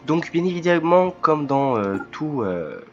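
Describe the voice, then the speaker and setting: Casting note: man, under the weather, hosts his game let's play with halting commentary full of fillers. Lo-fi home mic, soft game music under him. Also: fairly high pitch, very animated. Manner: hesitant, many filler pauses. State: sick, voice cracking. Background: faint game music.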